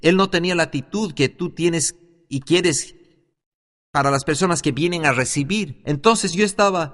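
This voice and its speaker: A high-pitched man preaches a Bible class, earnest and halting, stopping to restart his sentences. He builds to loud, emphatic peaks. The sound rings with a long hall echo. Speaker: Bible school teacher. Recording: reverberant hall.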